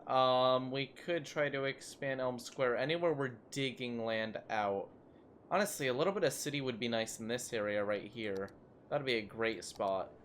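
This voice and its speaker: A man's voice: medium pitch, normal speed, fairly bright tone, a little hiss or hum. A young man casually commenting while playing a city-building game, chatty and self-mocking, rambling into asides. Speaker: gaming YouTuber.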